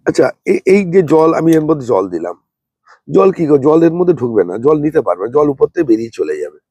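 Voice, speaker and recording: Gravelly-voiced man, lively pitch. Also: no echo. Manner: speaks slowly and plainly, repeating points. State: unwell. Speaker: rooftop gardening channel host. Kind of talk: hands-on gardening demonstration.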